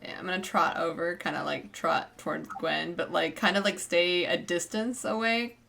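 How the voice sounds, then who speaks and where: A woman's voice: lowish voice, fairly even intonation, moderate pace, gravelly, pushed and bright. A woman playing in a tabletop game, talking in a hesitant, rambling way. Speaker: player.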